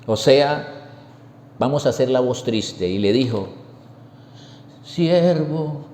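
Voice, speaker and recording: A man preaching a sermon, telling the story slowly and emphatically with repeated phrases. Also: medium pitch, a little mellow, reverberant, long reverb tail, slight background noise.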